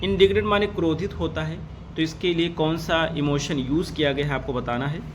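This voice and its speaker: A man with a slightly high voice gives an exam-prep lesson. He reads multiple-choice questions aloud in slowly and deliberately, then explains each answer in a brisk, conversational way. Faint background noise sits under his voice. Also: steady tone. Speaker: teacher.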